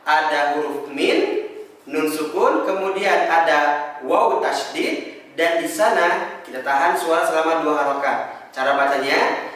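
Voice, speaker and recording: A man with an Indonesian accent teaching Quran reading, articulating deliberately and over-enunciating each syllable as an instructor. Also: fairly high pitch, fairly bright tone. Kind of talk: instructional lesson with chanted examples. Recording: very echoey room, distant microphone.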